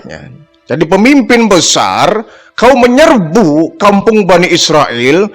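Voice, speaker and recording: A man's voice: high voice, a bit bright, voice pushed up. A man voicing a kindly, wise older man who presses with raised, urgent questions.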